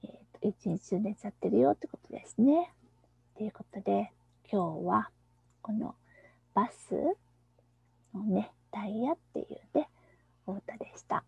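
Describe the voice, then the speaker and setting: Gravelly husky woman teacher, half-whispering her way through a kids' english song, slow and mellow. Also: medium pitch, animated, dry recording. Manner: soft, often whispered explanations; slow, deliberate English reading. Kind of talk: screen-shared lesson on a children's song.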